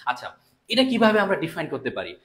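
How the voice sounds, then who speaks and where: Brief: young male tutor, Bangladeshi accent, high and very animated delivery, drills points by repetition. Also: quick pace. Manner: lively, repeats key points, chats with students by name. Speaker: admission test tutor. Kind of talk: live online class.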